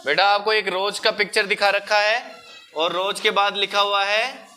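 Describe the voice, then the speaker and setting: A man teaching a primary school class, patiently coaxing the children and drawing words out slowly to show the sounds. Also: high-pitched, steady tone, pushed and bright. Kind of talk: classroom lesson.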